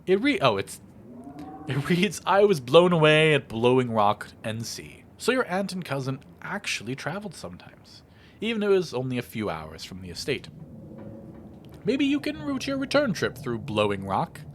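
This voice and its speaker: Speaking at normal speed in a fairly high voice, a man plays through a video game as a let's play host, giving the text a theatrical, expressive read-aloud and adding his own casual remarks. There's slight background noise.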